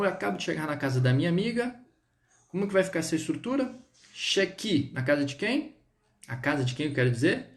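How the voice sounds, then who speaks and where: A man with a Brazilian Portuguese accent teaching a French lesson online, lively and spelling words out slowly. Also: fairly high pitch. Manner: lively, drills words slowly, switches between two languages.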